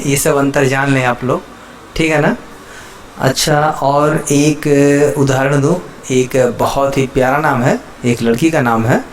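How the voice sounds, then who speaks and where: A man's voice: mid-range voice, a little hiss or hum. A man teaching Hindi letters to viewers, patiently repeating each example word and checking in with the listener again and again.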